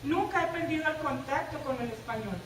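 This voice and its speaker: A presenter from the Laredo border speaks with a northern Mexican Spanish accent in a lecture room, engaging teachers at a workshop by asking them questions and often adding "¿verdad?". Her high voice is expressive and a bit fast, recorded from a distance in an echoey room with slight background noise.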